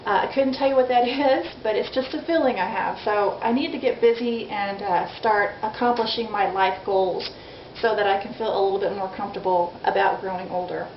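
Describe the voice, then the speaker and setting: This forties-aged vlogger has a mid-range, steady voice and talks a little fast, hardly pausing. She's candid, frank and self-deprecating in a casual video diary, recorded as dull lo-fi audio in an echoey room with faint noise.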